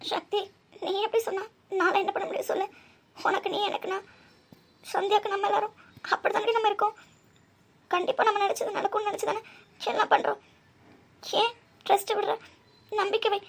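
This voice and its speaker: With an extremely high, gravelly voice, a woman performs characters in acted cartoon dialogue for a family drama. Some scenes are pleading and tender; others turn urgent and tearful.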